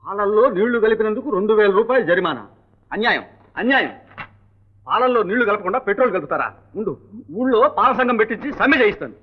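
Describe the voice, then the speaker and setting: A man's voice: high-pitched, lively intonation, quick pace. A blustering comic milkman. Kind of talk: 1960s comic film acting. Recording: muffled old film soundtrack.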